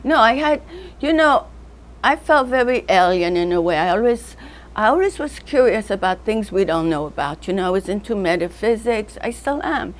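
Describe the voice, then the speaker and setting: Expressive and at medium pitch, an older North African–born artist speaks at a normal pace in a relaxed interview. Her storytelling drifts freely between names and memories, and she frequently laughs as she goes.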